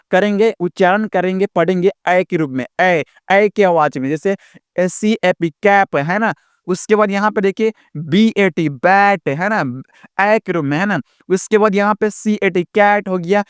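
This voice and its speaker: A man runs a casual beginner lesson, his voice high and smooth. He speaks close to the mic in a dry space. He drags out his explanations and circles back with fillers. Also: no echo. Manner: repetitive, drawn-out classroom explaining with many fillers. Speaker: English teacher.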